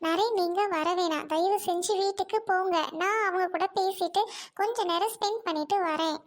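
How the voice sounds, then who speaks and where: A woman's voice: very high-pitched, normal speed. A woman voicing an earnest, outspoken young city woman in a cartoon, talking in a pleading tone.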